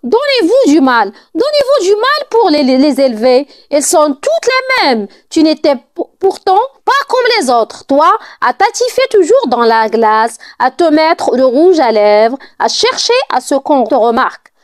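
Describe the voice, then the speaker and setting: A woman's voice: high-pitched, big pitch swings, a little slow, hardly any pauses. A woman reading aloud in the part of an old nurse, scolding and fretful, with indignant outbursts.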